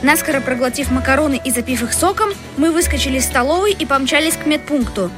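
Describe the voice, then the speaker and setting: A woman reading a children's story aloud in the first person, in a lively storytelling manner. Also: high voice, fast. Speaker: audiobook narrator. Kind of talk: scripted first-person narration. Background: music.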